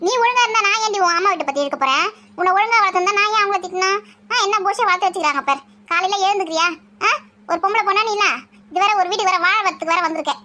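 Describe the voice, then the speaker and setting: A woman playing a nagging, sharp-tongued mother-in-law in a village family skit, scolding and taunting with quick retorts. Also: very high-pitched, slight background noise.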